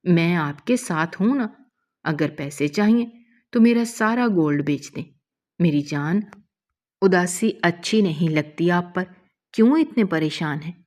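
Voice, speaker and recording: A woman reading a gentle, devoted young wife. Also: on the low side, close to an everyday voice. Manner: soft, coaxing, affectionate. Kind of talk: emotional story reading.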